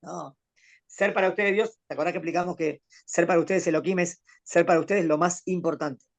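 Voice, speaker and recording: A man leads a Torah lesson, speaking in a somewhat high voice with plenty of creak and gravel. He explains patiently and keeps checking in with his student through questions. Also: fairly even intonation, brisk. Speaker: rabbi teaching a Torah class.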